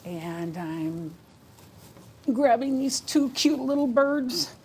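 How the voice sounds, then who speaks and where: A woman's voice: high-pitched, lively intonation, slow, husky. A woman giving a spoken how-to demonstration in a kitchen, explaining each action step by step in an instructive way. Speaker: instructor demonstrating a kitchen aid for people with sight loss. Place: home kitchen.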